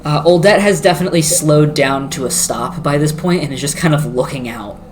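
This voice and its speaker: A game master narrating a tabletop game, describing a scene in slow, searching phrases with filler words. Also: medium pitch, background noise.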